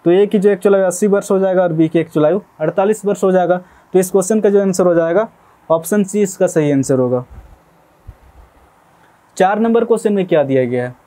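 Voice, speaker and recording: A man's voice: high-pitched, mellow. A young man teaching a maths lesson step by step, often checking in with "okay?". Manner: explanatory, repeats "theek hai" to check understanding. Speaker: math teacher.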